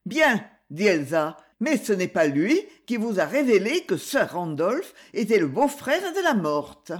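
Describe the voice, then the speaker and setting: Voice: medium pitch, big pitch swings, unhurried, breathy edge. A reader voicing a cool, commanding young woman detective in an audiobook, who can slip into a stammering tipsy act. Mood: cold commanding. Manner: shifts from drunken stammering to icy command.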